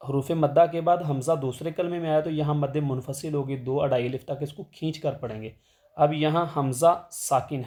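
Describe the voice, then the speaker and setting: A man teaching tajweed, explaining rules plainly and then reciting verses in a slow melodic chant. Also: on the high side, darkish tone.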